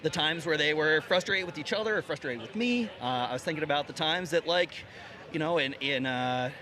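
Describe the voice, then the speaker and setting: A man coaching a team, speaking in an emotional post-game interview with a shaky, halting voice, stumbling over restarts and fillers after crying. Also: on the high side, sharp tone. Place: outdoor championship stage with a crowd. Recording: crowd noise behind.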